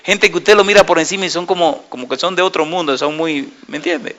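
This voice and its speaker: A male pastor preaching a sermon, telling stories and asking the congregation lively questions. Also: on the high side, a little fast, muffled recording. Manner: lively storytelling with questions to the audience.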